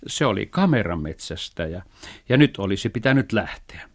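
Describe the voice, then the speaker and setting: A man narrating a children's book, reading in an even storytelling manner. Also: fairly low pitch.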